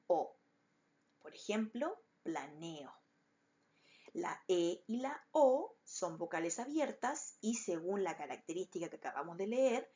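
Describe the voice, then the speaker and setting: A woman teacher talks slowly and patiently, leading young pupils through the lesson one step at a time. Her pitch rises and falls a great deal as she stresses each point. The recording sounds slightly muffled and dull. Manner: patient, explains step by step to children. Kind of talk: recorded online class.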